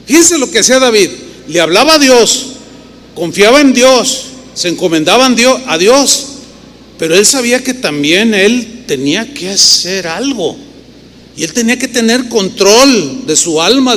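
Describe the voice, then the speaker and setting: A middle-aged man with a Mexican accent, preaching a sermon as pastor and telling stories with rhetorical questions. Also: high-pitched. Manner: animated storytelling with rhetorical questions. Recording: reverberant hall with faint noise.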